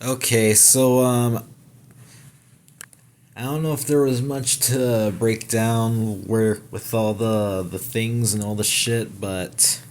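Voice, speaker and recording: A man's voice: fairly low pitch, steady tone, slow, a little mellow, slight background noise. A young man hosting a gaming channel, giving a casual, rambling trailer breakdown with many fillers, restarts and casual swearing.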